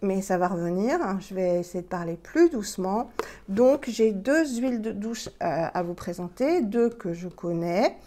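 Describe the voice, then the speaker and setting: A woman's voice: medium pitch, lively intonation, moderate pace, warm tone. A middle-aged woman, slightly out of breath, chatting casually as she shows skincare products on a home vlog. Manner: chatty, many fillers and restarts, demonstrating products. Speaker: beauty vlogger. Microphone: plugged-in microphone.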